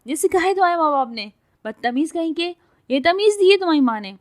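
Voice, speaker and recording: A hot-headed young woman with a loud, scolding tongue, forever bragging and bossing people around, as a woman storyteller puts her on. Sharp-edged and quick to snap in an audio storybook. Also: medium pitch, level tone, natural voice. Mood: furious. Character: feisty bossy young woman, quick-tempered.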